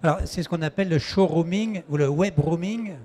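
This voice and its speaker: A man's voice: a little high, fairly quick, darkish tone. Man moderating a panel, hesitant. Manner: hesitant, restarts sentences while posing questions.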